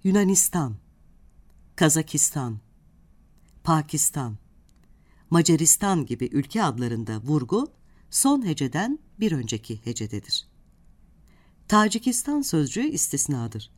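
A woman with a low voice that rises and falls widely gives a scripted radio language lesson. She reads out example words one by one and slows down to spell out syllables. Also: sing-song. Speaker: radio host and Turkish language teacher.

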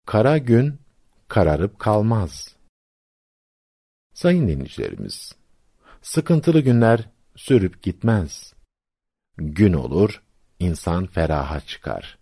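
Deep gravelly male storyteller. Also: big pitch swings, mellow. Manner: measured, didactic storyteller. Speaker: radio program narrator. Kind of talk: scripted storytelling narration.

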